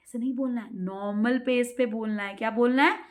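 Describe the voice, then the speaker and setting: A woman with a high voice tutors a child at home. She reads the English steps slowly and carefully, then explains them in Hindi. She keeps drilling the child by asking the same questions over and over. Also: steady tone, slight background noise.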